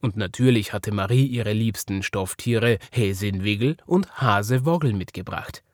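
A man with an Austrian accent narrating a children's story in a lively storytelling manner. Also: fairly low pitch, a little slow, no echo, clean studio sound. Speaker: podcast storyteller.

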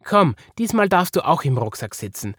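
A man voicing a brave, cheerful little girl in a children's story, with a high, eager childlike voice and an Austrian accent. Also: very animated, normal speed, slightly rough, dry recording, studio quality.

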